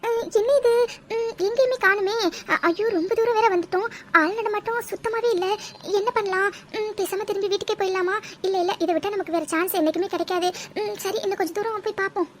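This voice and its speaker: A performer voicing a cartoon young woman who is alone at night, alternately frightened and feisty, scolding loudly and later crying. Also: very high voice, steady tone, quick pace, a little hiss or hum. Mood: eager. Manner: scolds loudly, then cries.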